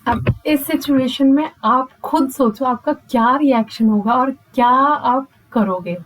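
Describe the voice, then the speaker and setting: A woman's voice: sits high, a little slow, slight background noise, rough recording. Chatty young woman telling a story. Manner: chatty, mixing English into Hindi, acting out gestures. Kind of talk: casual storytime monologue. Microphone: mic on the speaker.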